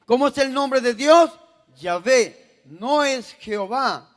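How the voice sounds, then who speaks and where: Male priest, high voice, slow unhurried preaching, call-and-response with the faithful, long church reverb. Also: expressive. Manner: swings from soft to loud exhortation, tells jokes. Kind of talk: sermon.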